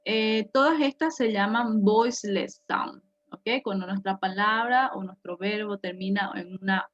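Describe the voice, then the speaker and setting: Slow, patient woman teacher. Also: medium pitch. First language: Spanish. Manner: slow and patient, checks in with "ok?" constantly. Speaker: English teacher. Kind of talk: classroom lesson explaining pronunciation. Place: classroom. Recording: dull lo-fi classroom recording.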